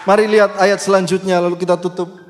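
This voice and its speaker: A male pastor preaching a sermon, voice surging high and loud on key phrases as he leads the congregation through scripture. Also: little pitch movement, fast talker, big-room sound, faint music behind, a faint crowd. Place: church sanctuary.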